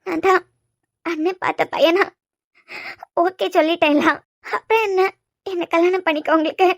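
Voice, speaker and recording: A woman voicing a hurt, guarded young woman with a high voice. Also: quick pace, darkish tone, no room sound, clean studio sound, close to an everyday voice. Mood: tearful. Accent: Kanyakumari Tamil. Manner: pleading, emotional. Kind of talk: cartoon serial dubbing.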